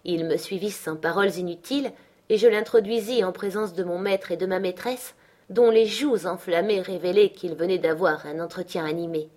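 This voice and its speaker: A woman narrating a classic novel as an audiobook in a measured storytelling manner. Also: medium pitch, a little mellow.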